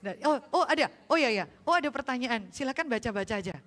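A woman pastor with an Indonesian accent, preaching a sermon and telling family stories with lively acted-out quotes. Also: on the high side, fast.

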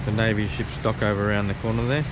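A man talks casually as he walks outdoors, making offhand remarks in a somewhat low voice. He is recorded on an action camera. Wind and traffic noise are clearly heard behind him. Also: fast talker. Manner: relaxed, remarks to himself as he walks. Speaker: vlogger. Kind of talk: casual walking tour commentary. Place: outdoors on a harbourside headland.

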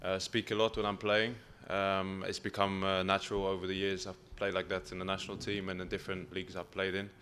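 A man in his twenties giving measured, hesitant answers as a footballer at a press conference, on a table microphone. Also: sits low, completely flat delivery, a bit bright. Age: 20s. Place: press room, indoors. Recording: faint room noise.

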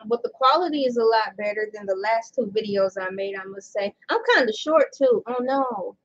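A woman with a fairly high voice speaks at a moderate pace in a muffled recording. She rambles and laughs often during a casual vlog chat indoors under bright lights, reading an article aloud along the way.

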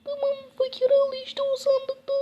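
A woman's voice: very high-pitched, completely flat delivery, moderate pace, highs cut off, slight background noise, pitched above the performer's own voice. A woman putting on a caring young wife in a game parody, sweet and affectionate. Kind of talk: game parody role-play.

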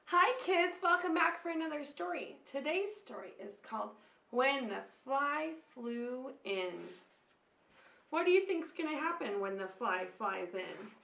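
Indoors in a small home room with a faint echo, a children's storyteller in her thirties reads a picture book to young listeners. Her high voice is gravelly and sharp-toned, a little slow but expressive, and she pauses for small questions and asides to the children.

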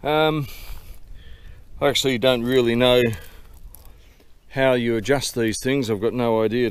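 A man's voice: mid-range voice, darkish tone. An older man with a broad Kiwi accent talks in a laid-back, dry, sweary way, as if chatting to mates on a solo cycling vlog. He is recorded outdoors, with some background noise and insects around him. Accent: broad New Zealand. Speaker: solo bicycle touring vlogger. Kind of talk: casual rambling vlog. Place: outdoors in open bushland.

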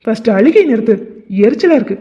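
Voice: medium pitch, very animated, quick pace, lightly acted. A performer voicing an irritated young husband in a cartoon drama, talking in a brusque, scolding way. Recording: tinny phone-like recording.

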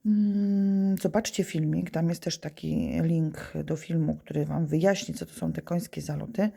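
A woman's voice: low-pitched, fairly even intonation, measured pace, creaky, warm tone, husky. A female teacher giving a lesson to young pupils, patiently asking questions and answering them herself. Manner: patient, asks and answers her own questions. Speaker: primary school teacher. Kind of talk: remote lesson for children.

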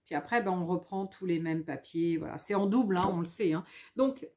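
A woman chatting casually at home as she shows scrapbooking products. She thinks aloud, repeats her words and reads English labels slowly. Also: fairly low pitch, dark tone. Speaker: scrapbooking vlogger. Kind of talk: casual haul chat, showing products.

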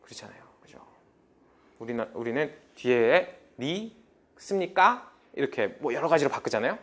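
A man teaching a beginner English class, prompting students and drilling phrases. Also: fairly high pitch. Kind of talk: lively classroom lecture.

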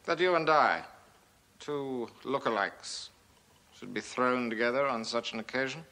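A man's voice: medium pitch, a little slow, sharp tone. An actor playing a sardonic, world-weary young male lawyer in a period film, speaking with dry, drawling irony. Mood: wry.

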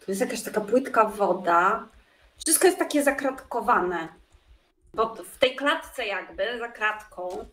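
A woman's voice: mid-range voice, expressive, unhurried, a bit bright, distant mic. A woman co-hosting a game let's play, talking in casual chat and thinking aloud with hesitations, with a stuffy nose. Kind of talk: casual chat while playing. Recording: echoey room, off-mic, faint hiss.

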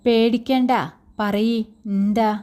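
A woman reading a storybook voices a caring schoolteacher speaking to a pupil. The voice stays close to the reader's own, slow and soft, with coaxing questions. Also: a little high, steady tone. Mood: worried.

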